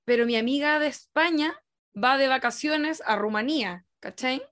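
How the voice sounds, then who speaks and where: A woman's voice: sits high, moderate pace, fairly bright tone. A woman with a Chilean Spanish accent in a casual podcast chat, speaking in a reflective way that trails off.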